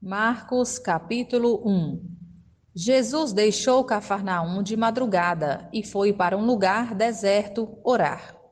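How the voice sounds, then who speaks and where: Woman reading chapter titles, slow, lots of reverb. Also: medium pitch, a little mellow. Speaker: chapter announcer. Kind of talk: scripted announcements. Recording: long reverb.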